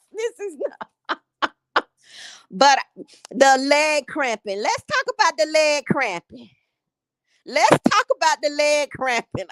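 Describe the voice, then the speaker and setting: Her voice is extremely high and a bit bright, with no room sound, as this late-fifties woman from Gary, Indiana banters with livestream viewers and laughs a lot, speaking with a Northern Indiana accent.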